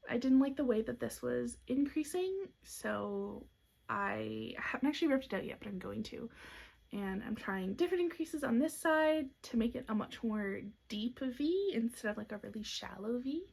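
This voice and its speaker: Hiccuping as she goes, a young designer hosts a knitting podcast at normal speed, her voice on the high side, husky, with vocal fry and lively intonation. She chats cheerfully while showing off her designs, adding quiet asides along the way.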